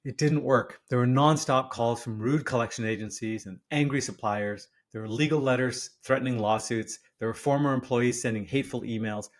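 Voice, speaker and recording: A man in his fifties narrates a scripted personal essay for his podcast. His mid-pitched voice is wry and self-deprecating as he tells the story. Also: normal speed, few pauses. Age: 50s. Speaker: podcast host.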